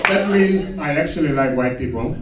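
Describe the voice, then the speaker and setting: A man with a Sudanese accent works through a stand-up set, landing his punchlines slow and deadpan. His slightly high voice carries from far off across an echoey club room. A crowd laughs loudly underneath, with steady noise. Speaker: stand-up comedian. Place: comedy club stage. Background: audience laughter.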